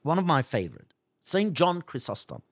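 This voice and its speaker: A man preaching a sermon in an animated way, putting rhetorical questions to his listeners. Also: moderate pace, breathy edge, dry recording, clean studio sound. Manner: animated, swings pitch widely for emphasis.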